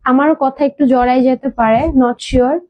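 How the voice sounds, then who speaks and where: A woman's voice: high-pitched, steady tone, moderate pace, no room sound, muffled recording. A woman hosting a live clothing sales stream, chatty, mixing in English words and hesitating with fillers and repeats. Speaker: online clothing seller.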